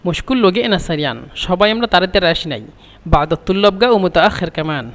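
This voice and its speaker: Male language teacher, high voice, repeats lines slowly and explains them, recorded in a reverberant space. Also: lively intonation, fairly bright tone. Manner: repeats phrases slowly, then translates and explains. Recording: long reverb.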